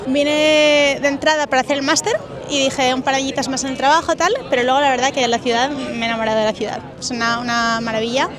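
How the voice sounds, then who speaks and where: A woman from Spain answering interview questions warmly and with enthusiasm. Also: high voice, steady tone, fast. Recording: outdoors with crowd chatter.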